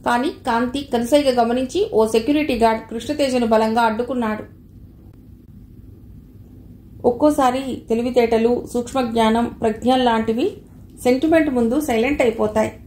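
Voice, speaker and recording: A woman's voice: on the high side, fairly even intonation, normal speed, mellow, roomy sound. A woman reading a novel aloud as an audiobook narrator, telling the story steadily and voicing the dialogue lightly.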